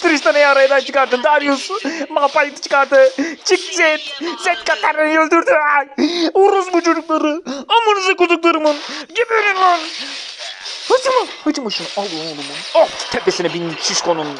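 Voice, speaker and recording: A gamer giving a running commentary on their own mobile match, swearing freely, cheering and scolding teammates in bursts of excitement. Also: high voice, normal speed, few pauses, background noise. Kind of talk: gameplay commentary.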